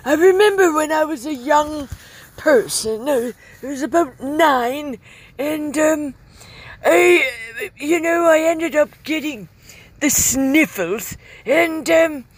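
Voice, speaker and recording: Kindly wise old man, played by a woman: very high voice, slow and halting, earnest comedy podcast guest.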